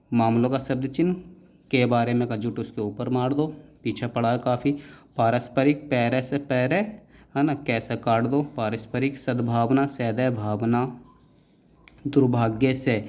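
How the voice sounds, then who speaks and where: A man teaches shorthand outlines at an unhurried, deliberate pace. He says each word, breaks it into strokes and repeats it, and his pitch sits in the middle range for a man. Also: darkish tone. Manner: often adds the tag "है ना" and gives short instructions. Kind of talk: dictation-style tutorial explaining outlines.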